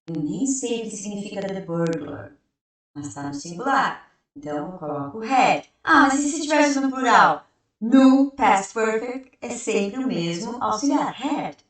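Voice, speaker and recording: Slow, deliberate woman teacher in an echoey room. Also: medium pitch. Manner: explains step by step, asks and answers her own questions; reads example sentences slowly. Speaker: English teacher. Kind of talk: classroom grammar lesson. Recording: very echoey room, heard from a distance.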